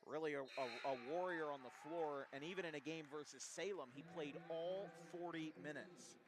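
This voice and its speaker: A man calling a college basketball game play by play, his calls rising sharply on made shots and settling into steady stat reading between plays. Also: on the high side, moderate pace, a crowd in the background. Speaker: play-by-play commentator.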